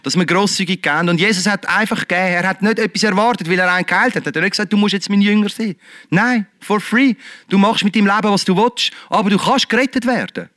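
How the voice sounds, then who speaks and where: High, bright-voiced preacher. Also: male voice, dry recording. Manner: lively preaching, swinging between loud exhortation and quiet earnest talk, with chuckles. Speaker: pastor. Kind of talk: sermon.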